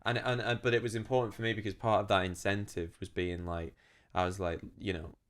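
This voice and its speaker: Young man, very low voice, earnest reflective co-host, restarts his phrases. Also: flat delivery, brisk. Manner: earnest, reflective, repeats himself. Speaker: podcast co-host. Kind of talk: casual chat.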